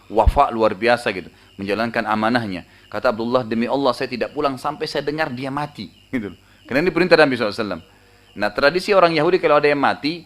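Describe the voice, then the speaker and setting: A man preaches with a brisk, rapid flow in his middle register. He tells a story in the sermon and leaps up in pitch whenever he acts out its voices. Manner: lively storytelling, acting out voices with pitch jumps.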